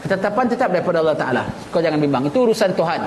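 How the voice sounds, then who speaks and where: A fairly high, slightly mellow male voice comes from a Singaporean Islamic teacher with a Singaporean Malay accent, who talks very fast and in a very animated way. His religious lecture mixes reading a text with colloquial explanation, leaning on repeated phrases and rhetorical questions. He is recorded in an echoey room where background noise comes through clearly.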